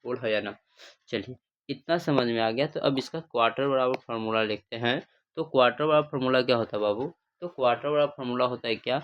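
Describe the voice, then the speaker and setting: A man's voice: medium pitch, quick pace, dull audio. A male math teacher. He gives a livestream classroom lesson in call-and-response style, asking questions, repeating the answers and calling his students "babu".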